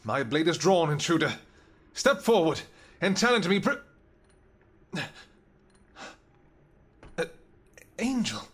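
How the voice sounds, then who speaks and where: Alarmed and commanding, a man plays a tender, protective vampire king in a roleplay audio drama, his formal, earnest speech coming in halting phrases. The voice sits fairly high, sing-song, with a breathy edge.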